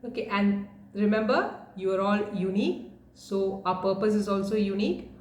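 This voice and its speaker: A woman's voice: mid-range voice, moderate pace. Earnest woman coach in an echoey room. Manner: earnest, repeats rhetorical questions. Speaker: life coach. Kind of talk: motivational talk.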